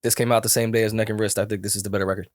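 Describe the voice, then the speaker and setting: A man with a hoarse, breathy, raspy voice that is nearly gone, chatting casually as a podcast co-host. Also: on the low side, level tone, racing, no room sound, studio quality.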